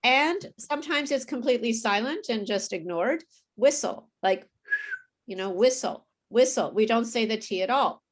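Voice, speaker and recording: Brief: woman pronunciation teacher, friendly, slightly high voice, frequent check-ins. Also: animated. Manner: friendly, explains slowly and checks understanding with okay. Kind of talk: live online group class.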